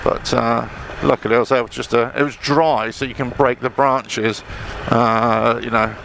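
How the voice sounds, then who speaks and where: Out on a country trail, a man rides his motorbike and rambles casually into a mic inside his helmet. His medium-pitched voice is steady, slightly bright and touched with vocal fry at a normal speed, while wind and engine sounds fill the recording.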